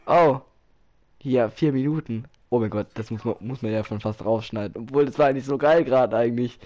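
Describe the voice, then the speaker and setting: A man commentating his own match while playing, excitable, often exclaiming and laughing. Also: mid-range voice, a little fast, lo-fi sound. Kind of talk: casual gaming commentary.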